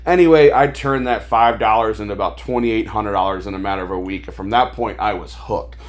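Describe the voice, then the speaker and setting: A man's voice: fairly low pitch, fairly quick. A man talking as a podcast guest, telling his life story in a rambling, casual way with lots of fillers, animating the voices of people he quotes. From Maryland, USA. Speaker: podcast guest, toy store owner.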